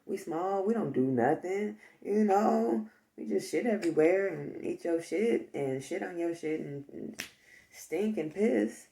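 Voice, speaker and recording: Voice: medium pitch, expressive, unhurried, dark tone, voice pushed up. A person voicing a gang of cocky, street-talking house mice with slangy, boastful swagger. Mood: indignant.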